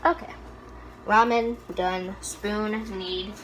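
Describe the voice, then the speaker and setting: A woman's voice: mid-range voice, fairly even intonation, drawn-out words, a bit bright, a little hiss or hum, rough recording. A young woman chatting casually while cooking, telling a story in a rambling way and often correcting herself. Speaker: cooking vlogger.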